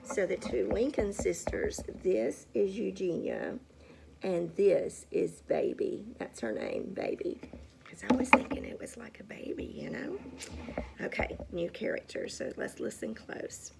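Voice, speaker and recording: Lady reading a bedtime book to her kid, slow and lively, kinda gravelly, stops to ask questions. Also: mid-range voice, whispered. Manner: chatty asides, asks the child questions. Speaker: reading aloud to a child. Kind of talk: casual storytime read-aloud.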